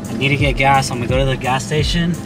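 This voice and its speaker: A man's voice: mid-range voice, racing. An American man in his twenties with a slight retainer lisp, chatting casually for a car vlog. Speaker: car vlogger. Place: in a car and outdoors in lots. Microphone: handheld camera at arm's length. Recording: loud music mixed over voice. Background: music.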